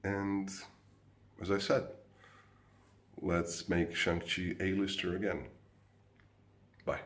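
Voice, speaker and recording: A middle-aged man from Croatia, a comic artist speaking casually to camera from his studio, with halting speech and many fillers. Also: low voice, level tone, echoey room. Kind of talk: casual video message. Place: home studio.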